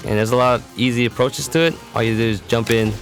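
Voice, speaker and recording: A competitive gamer demos a character in a fighting game tutorial, giving matter-of-fact, instructional commentary over music. His voice is medium-pitched and fast, with fairly even intonation.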